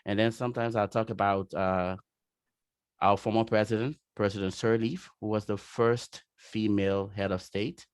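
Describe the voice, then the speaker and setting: A man from Liberia with a Liberian accent, speaking as an interview guest in casual talk, often pausing with "you know". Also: fairly low pitch, fairly even intonation, clear, resonant tone, no echo, studio quality. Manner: warm-hearted, many fillers like "you know".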